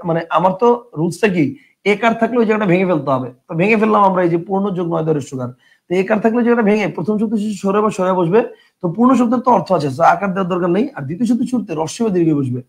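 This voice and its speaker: A man teaching a grammar lesson, with a high, gravelly voice. He works through each rule with questions to the class. He stretches out example words slowly and slips English words into his speech. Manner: explains step by step with rhetorical questions.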